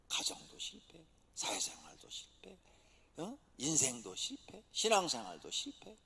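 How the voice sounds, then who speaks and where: A male pastor preaching a sermon with passion, swinging from shouted exclamations to hushed whispers. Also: medium pitch, gravelly, slightly rough. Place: church sanctuary. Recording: church hall reverb.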